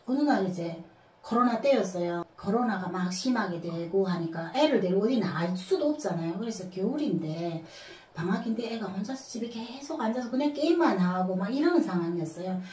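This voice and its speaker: A woman's voice: mid-range voice, a little fast. Woman, roomy and distant. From North Korea. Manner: animated, acts out family dialogue. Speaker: guest. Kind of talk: casual storytelling chat. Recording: roomy sound from a distant mic.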